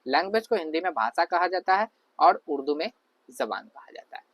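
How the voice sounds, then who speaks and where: A man's voice: on the high side, lively intonation, a little fast, fairly bright tone, dry recording. A man teaching an online class. He explains patiently, repeats himself often and uses many fillers. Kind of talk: classroom lecture over slides.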